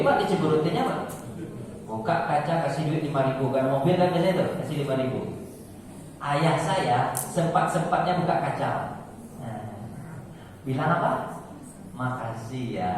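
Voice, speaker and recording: A high-pitched male preacher tells stories to his congregation, turning to them as "sir" again and again. His voice rings through a large reverberant hall, picked up from a distance with faint room noise. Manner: storytelling, addressing listeners as "Pak" often, acting out voices. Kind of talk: short mosque sermon. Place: mosque hall.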